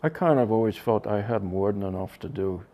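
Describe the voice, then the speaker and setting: An older man from Connecticut, a drummer, answering interview questions slowly and haltingly, with many pauses and trailing soft phrases. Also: lowish voice, animated. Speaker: drummer interviewed about his band.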